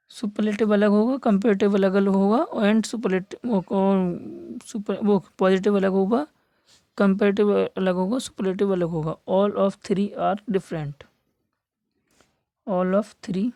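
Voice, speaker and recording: A male English teacher giving an exam-prep lesson with a warm, mellow tone. He spells words letter by letter, repeats the key terms, and draws words out slowly to make them stick. The sound is dry and close, with no room echo. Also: high-pitched. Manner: stretches words slowly for emphasis. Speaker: English teacher for competitive exams. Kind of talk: classroom lesson.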